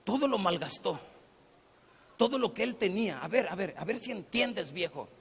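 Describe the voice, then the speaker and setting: A male pastor preaches in a conversational, storytelling way. His voice is strikingly high, bright and gravelly, with a husky grain. It rings with the long reverb of a church hall. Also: lively intonation, normal speed. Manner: conversational storytelling with rhetorical questions. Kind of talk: sermon. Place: church sanctuary.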